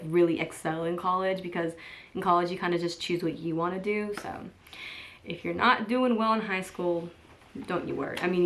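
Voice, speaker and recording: A woman in her twenties talks to camera in a relaxed get-to-know-me vlog. Her voice sits a little low, and she rambles warmly and chattily, filling gaps with "like" and "um" and laughing easily.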